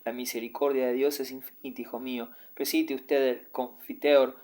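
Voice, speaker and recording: A man reading as a gentle old deaf priest. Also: medium pitch, little pitch movement, normal speed, lightly acted. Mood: coaxing. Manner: raised, coaxing pastoral tone.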